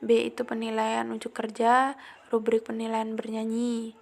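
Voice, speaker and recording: A woman's voice: on the high side, completely flat delivery, normal speed, vocal fry. A woman from Indonesia explaining a lesson plan's grading rubrics, going item by item and often repeating phrases. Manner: walks through each item step by step, repeats phrases, restarts words. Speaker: student teacher explaining a lesson plan. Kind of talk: explaining assessment rubrics aloud. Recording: faint music in the background.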